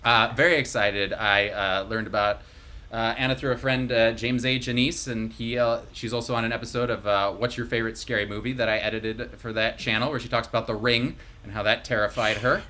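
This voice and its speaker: A man hosting a casual online chat over a video call. His voice is bright and clear, and he rambles a little as he introduces each guest with a joke. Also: mid-range voice, fairly even intonation, a little fast. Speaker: host.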